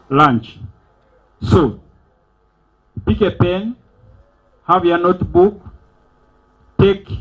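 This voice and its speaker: A man runs a members' meeting as master of ceremonies, repeating and stressing his instructions into a PA microphone. His voice is husky and a little high. The event recording sounds dull and lo-fi. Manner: repetitive, emphatic instructions. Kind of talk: formal announcements to an audience.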